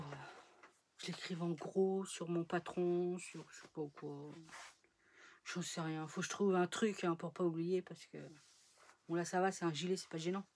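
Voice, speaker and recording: A woman chatting casually in a sewing vlog, rambling with fillers and trailing off as she shows her projects. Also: on the low side. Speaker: sewing vlogger. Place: home sewing room.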